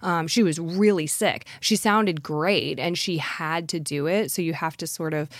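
A singer from an acoustic duo, from the Washington DC area, is a guest in a casual studio interview, rambling with many fillers and laughs as she recovers from a cold. Her voice is low and unhurried. The recording is dry and of studio quality.

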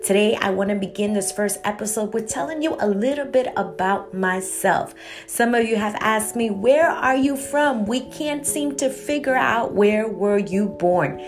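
A woman's voice: medium pitch, unhurried, soft background music. A young adult woman from Guatemala hosting her own evangelist podcast, telling her personal testimony in an earnest, preacherly way.

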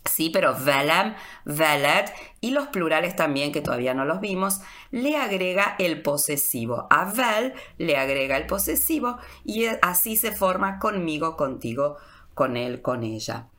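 A woman's voice: sits low, animated, a little slow, a bit bright. A woman giving a radio language lesson. She patiently repeats each example word several times. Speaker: Hungarian language teacher.

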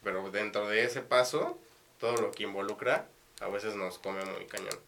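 A man hosting a podcast, offering calm, reflective remarks. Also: fairly low pitch, moderate pace, vocal fry, a little hiss or hum. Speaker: podcast host. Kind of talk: casual interview chat.

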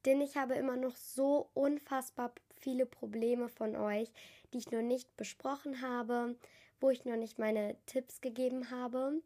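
A teenage girl hosts her own solo podcast, chatting casually and earnestly to listeners while stuffed up with a cold. Her voice is fairly high, steady and mellow, and she speaks unhurriedly.

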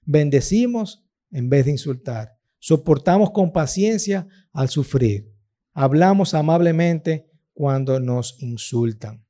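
High-voiced, mellow preacher man. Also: animated, slow pace. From Dominican Republic. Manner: earnest, emphatic, often asks "¿verdad?" and "¿ok?". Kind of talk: sermon.

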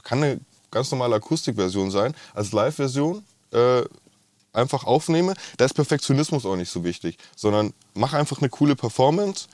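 A man's voice: medium pitch, lively intonation, brisk, darkish tone, no room sound. A man with a rolled R, talking casually and enthusiastically as a musician being interviewed. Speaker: musician, singer-songwriter guest.

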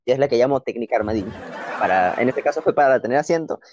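A young man with a Peruvian accent, telling childhood stories in an animated, slangy way with frequent laughs, as a podcast co-host. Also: medium pitch, quick pace, some chatter behind, a little hiss or hum. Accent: Peruvian Spanish. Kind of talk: casual storytelling chat. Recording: dull, dry lo-fi recording.

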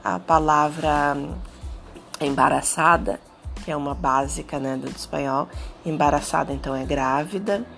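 A Brazilian woman with a Brazilian Portuguese accent patiently explains a Spanish lesson, frequently checking in with "tá?" and "né?". Her voice is deep and a bit bright with some vocal fry, delivered at a moderate pace over soft background music.

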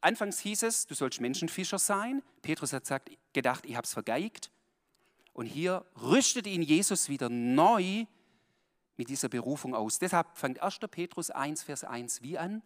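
A pastor giving a colloquial sermon, swinging between loud emphatic bursts and hushed asides, speaking directly to his listeners. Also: on the high side, lively intonation, normal speed, long reverb tail.

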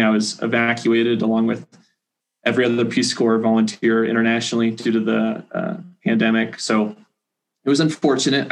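A man in his twenties, a volunteer leader, telling his story in an interview with an earnest, even delivery. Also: medium pitch, creaky, low-quality recording. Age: 20s. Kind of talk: casual interview answers.

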